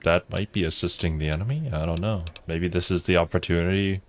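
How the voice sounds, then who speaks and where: Young male let's player: deep voice, casual, amused, thinking aloud, faint noise behind him. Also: brisk. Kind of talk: casual game commentary.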